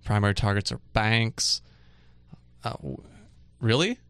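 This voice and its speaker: A man hosting a casual tech news podcast, chatty and relaxed, with lots of fillers and easy laughs. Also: lowish voice, measured pace, clean tone, no room sound, studio quality. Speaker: podcast host. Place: dry studio.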